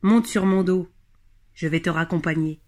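Une femme qui fait la voix d'un gros bison mâle bienveillant et amusé, à la grosse voix, sur fond de musique. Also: female voice, fairly low pitch, moderate pace, a little mellow, natural voice. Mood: amused. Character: big, good-natured male bison with a deep voice. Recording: music playing behind.

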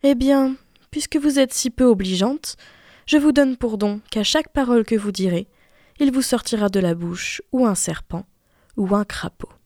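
A woman voicing a calm, gracious female fairy who speaks in a measured way, in a fairy-tale reading. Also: a little high, no room sound, studio quality, voice pushed up, close to an everyday voice.

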